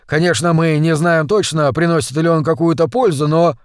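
A man's voice: on the high side, fairly even intonation, moderate pace, no room sound, studio quality, lightly acted. A man reading the lines of a practical man who offers suggestions during a crisis in an audiobook. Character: adult man, practical and speculating.

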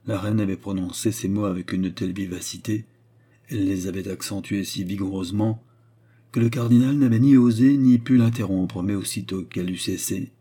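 A man narrating an audiobook in a measured, steady manner. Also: lowish voice, husky. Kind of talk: scripted narration.

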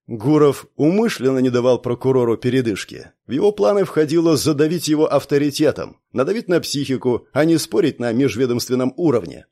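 A man reading a detective novel aloud in measured scripted narration. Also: medium pitch, lively intonation, warm tone. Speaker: audiobook narrator.

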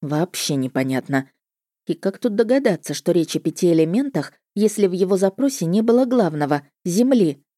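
A woman with a low, dark voice reads a fantasy audiobook in the first person. Her storytelling is lively and wry, and she snaps out the heroine's retorts. The sound is close and dry. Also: normal speed, no room sound. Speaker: audiobook narrator.

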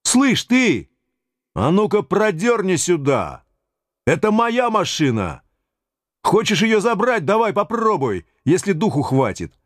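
Brash, mocking mid-thirties brawler, coarse and high-pitched, voiced by a man, dry close sound. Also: sing-song, moderate pace, no room sound. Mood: defiant. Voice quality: hoarse and coarse when shouting. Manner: cocky, mocking, loud.

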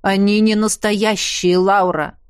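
A woman's voice: mid-range voice, little pitch movement, takes it slowly, clear, resonant tone, voice pushed down, close to an everyday voice. Woman doing an urgent growling male dragon. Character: male dragon, desperate and commanding.

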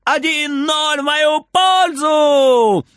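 A man's voice: high-pitched, expressive, a little slow, no echo, clean studio sound, voice pushed up. A man putting on a whiny, sobbing little boy. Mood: excited. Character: small excitable boy who cries easily.

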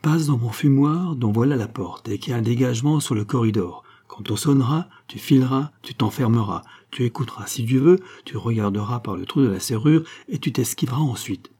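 A man's voice: mid-range voice, a little fast, hardly any pauses, warm tone, husky. A man voicing a vain, self-assured young gallant who speaks in a boastful, theatrical way, in an audiobook. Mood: confident.

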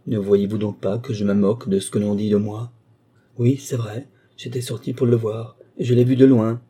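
A man reading the part of a proud young woman who answers back with sharp, scornful defiance. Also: on the low side, flat delivery, normal speed, slightly rough. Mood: defiant.

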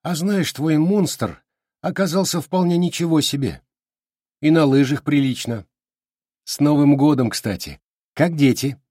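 A man's voice: a little high, measured pace, warm tone, no room sound, clean studio sound, pitched above the performer's own voice. A man voicing a brash, sarcastic young male artist who speaks bluntly. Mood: warm.

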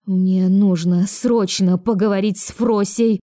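A woman voicing an elderly aunt, now young-looking, who is indignant and excitable. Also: medium pitch, unhurried, no echo, studio quality, close to an everyday voice.

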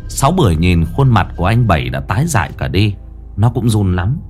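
A man narrating a horror story in a dramatic, lively way. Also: deep voice, a little fast, soft background music.

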